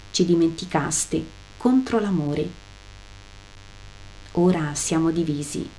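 A grave old patriarch speaks his judgment in measured, solemn phrases, as a woman reader voices him. The voice stays low and mellow.

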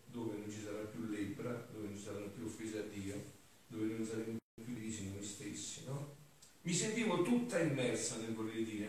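A man, a friar, preaching a homily in speech, moving between soft, musing asides and raised, emphatic declarations. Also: fairly low pitch. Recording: distant echoey church recording with hiss.

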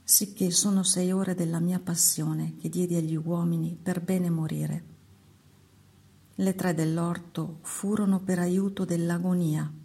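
A woman voicing the Lord as a solemn male divine figure in a slow, measured, hushed devotional reading. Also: lowish voice, creaky, husky, heavily acted.

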